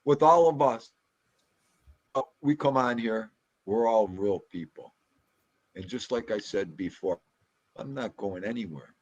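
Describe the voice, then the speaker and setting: A man's voice: lowish voice, measured pace, long pauses, a little mellow, no room sound, muffled recording. Emphatic man, close and dry sound. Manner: emphatic, repetitive, plain-spoken. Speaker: livestream panelist. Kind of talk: casual chat.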